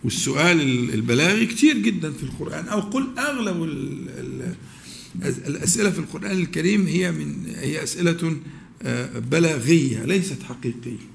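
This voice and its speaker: Egyptian male religious teacher, slightly high gravelly voice, faint background noise, questions the class and halts to find words. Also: animated. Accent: Egyptian Arabic. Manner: questions the audience, with many drawn-out pauses and restarts. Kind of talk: religious lesson, explaining scripture to students.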